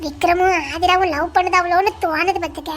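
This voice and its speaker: A woman voicing a nosy young village woman, passing on gossip in a hushed, confiding way. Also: very high-pitched, fairly even intonation, brisk, voice pushed down. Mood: gossipy. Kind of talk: amateur village drama.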